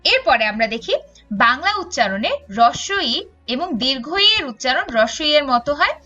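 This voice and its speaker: A woman's voice: high-pitched, big pitch swings, brisk, sharp tone, lo-fi sound, faint music behind. A woman teacher explaining pronunciation rules in an online class lecture, going through examples one by one.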